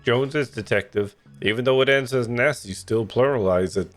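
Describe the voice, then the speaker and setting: A man's voice: medium pitch, moderate pace, faint music behind, natural voice. A man voicing a dim, defensive nanny character in a detective game, dopey and evasive. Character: slow-witted, defensive dumb-guy nanny in cartoonish game.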